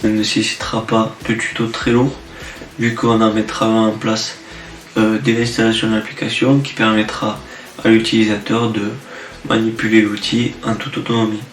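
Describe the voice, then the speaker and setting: A young man, a student presenter, explaining his project in a measured, explanatory way. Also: fairly low pitch, completely flat delivery, far from the mic. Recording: roomy, off-mic.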